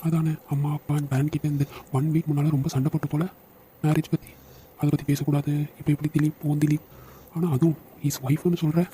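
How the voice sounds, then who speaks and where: A man voicing a fast-talking young brother. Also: fairly high pitch, little pitch movement, dark tone, slight background noise, close to an everyday voice, poor audio. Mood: teasing. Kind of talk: cartoon dialogue acting.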